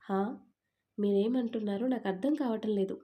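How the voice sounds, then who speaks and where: A woman's voice: medium pitch, moderate pace, muffled recording, natural voice. A woman doing a sulky young bride. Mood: puzzled. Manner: complaining, pouting.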